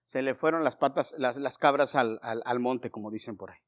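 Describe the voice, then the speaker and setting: A man preaching a sermon in a church, swinging between loud exhortation and hushed storytelling. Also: mid-range voice, brisk.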